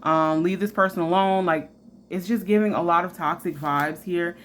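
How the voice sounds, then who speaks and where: A woman gives a casual tarot reading in a chatty, frank voice, full of fillers and asides. Her voice sits on the low side. A faint background noise runs under her speech. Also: fairly even intonation, moderate pace. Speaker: tarot reader.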